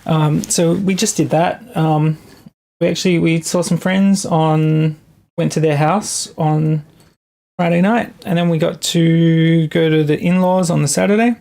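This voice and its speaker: A young adult music producer streaming live, chatting casually with viewers in a halting, think-aloud way while working on tracks. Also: mid-range voice, fairly even intonation, creaky, warm tone.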